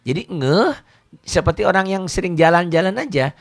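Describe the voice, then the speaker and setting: A middle-aged man, teaching Quran reading in a casual, joking way, often repeating words and reciting verses slowly. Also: high-pitched, animated, vocal fry.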